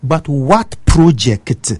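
A man's voice: fairly high pitch, big pitch swings, extremely slow, no room sound. A man from Ghana with a Ghanaian accent, giving opinionated football commentary and pressing his point with emphatic rhetorical questions. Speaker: football pundit.

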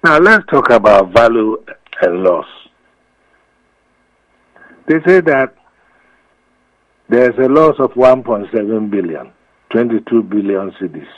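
A man's voice: mid-range voice, animated, takes it slowly, pauses often, fairly bright tone. A man with a Ghanaian accent explaining his views emphatically and with repetition, as an expert guest in a radio interview. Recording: muffled, echoey radio feed.

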